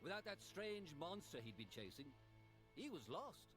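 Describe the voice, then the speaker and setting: A man narrating a video game story in a lively, expressive storybook manner. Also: a little high, measured pace. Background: music.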